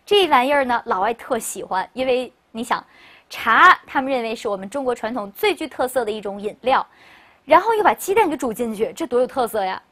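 A woman teaching a recorded lesson, brisk and chatty, leading repeat-after-me word drills and asking rhetorical questions. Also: on the high side, expressive, a bit bright. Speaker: English teacher. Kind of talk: recorded classroom lecture.

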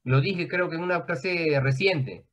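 A man with a fairly high voice teaches a class over a video call. He explains at length in a loose, conversational way and keeps checking in with his students. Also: a little slow, fairly bright tone. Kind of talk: online class lecture.

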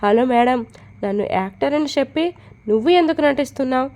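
A woman's voice: high-pitched, fast talker, a little mellow. A woman voicing a cocky, teasing young man in a storybook reading, with a bold, bragging manner. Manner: bold, mock-serious, bragging.

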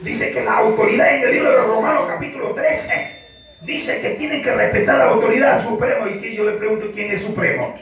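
Fervent Panamanian pastor in echoing church. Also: male voice, very high voice, a little fast. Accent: Panamanian Spanish. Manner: fervent preaching, shouts refrain between anecdotes. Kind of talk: sermon with storytelling. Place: large echoey church. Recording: echoey church hall, distant mic, music.

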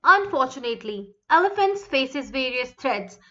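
In a high, highly animated voice at an ordinary pace, a woman narrates a children's educational animal video, reading scripted nature-documentary lines in a presentational, explanatory style. Her tone is fairly bright, though the audio sounds dull.

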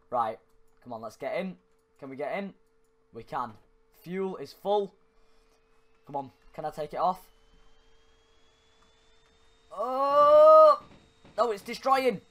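Chatty young gaming YouTuber. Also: male voice, mid-range voice. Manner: chatty, yelps and laughs at mishaps. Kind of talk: casual gameplay commentary. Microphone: desk microphone spoken into closely.

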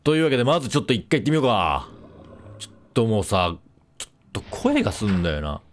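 A man giving casual, excitable commentary over his own gameplay, breaking into panicky repeated exclamations. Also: on the low side, fast talker, background noise. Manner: playful self-introduction with a mock-dramatic recap. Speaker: game commentator.

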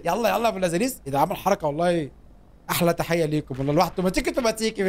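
A young man with an Egyptian accent giving playful, excitable gameplay commentary as a gaming YouTuber, full of jokey slang. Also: sits high, very fast. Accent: Egyptian Arabic. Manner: excitable, playful, jokey street slang, cries out when startled. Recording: clear background noise.

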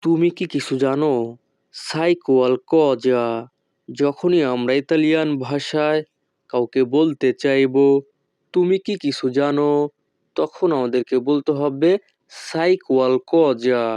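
A man teaching a language lesson, slowly and carefully repeating each phrase. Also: medium pitch, mellow, clear, resonant tone, no room sound, lo-fi sound.

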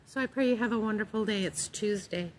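Calm middle-aged woman, noisy outdoor recording. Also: mid-range voice. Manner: calm, gentle, unhurried delivery. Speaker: vlogger sharing her faith. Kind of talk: casual devotional chat to camera. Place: outdoors in a park among trees. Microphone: phone at arm's length. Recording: outdoor phone recording with background noise.

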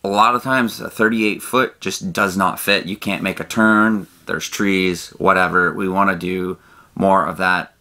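A man's voice: sits low, fairly even intonation, measured pace. A man in his thirties talking casually to camera as a vlog co-host, explaining things from inside a small trailer. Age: 30s. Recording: soft guitar music behind the voice.

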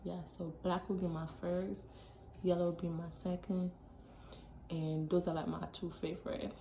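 A teenage girl from Jamaica chatting casually to her phone camera in a small bedroom, animated and full of asides. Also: lowish voice, normal speed. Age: teens. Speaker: vlogger. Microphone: phone camera at arm's length. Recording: echoey room, faint background noise.

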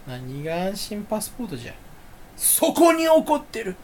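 A man talking to himself in a rambling solo monologue. He is self-mocking and erratic, swinging from loud outbursts to low mutters. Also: wildly swooping pitch, moderate pace, slight background noise. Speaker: solo talk channel host.

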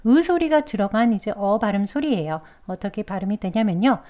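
A woman teaching English pronunciation in a calm, explanatory way, slowing down to model words. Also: medium pitch. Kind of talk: pronunciation lesson.

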